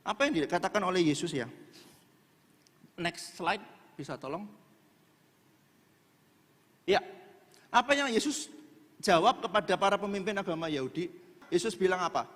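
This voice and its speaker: A man's voice: very high voice, pushed and bright. A male preacher, giving a chatty sermon and joking with the congregation in a church. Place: church in a large hall. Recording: echoey church hall.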